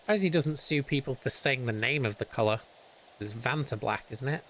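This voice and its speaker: A man's voice: mid-range voice, normal speed, fairly bright tone, slight background noise. A young British man streaming a game, chatting casually and rambling, humming nonsense to himself. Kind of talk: casual chat while gaming.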